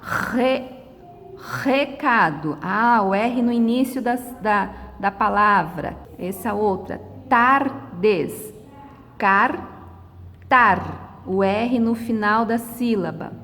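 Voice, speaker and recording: A woman's voice: medium pitch, a bit bright, long reverb tail, a little hiss or hum. A middle-aged woman from Brazil, teaching a step-by-step lesson and patiently drawing out words one by one. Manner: patient, drawn-out word-by-word explanations. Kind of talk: step-by-step classroom lesson walkthrough.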